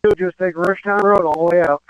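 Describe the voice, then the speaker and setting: A man's voice: high-pitched, steady tone, brisk, clear, resonant tone, no room sound, rough recording. A man giving urgent firefighter radio reports to command over a two-way radio. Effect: two-way radio transmission.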